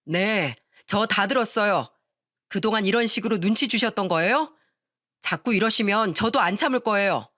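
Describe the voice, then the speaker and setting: A woman's voice: medium pitch, expressive, normal speed, a bit bright, no echo, clean studio sound, natural voice. A woman voicing a young husband who stands up to his mother in a radio-style story. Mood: indignant. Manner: indignant, pleading.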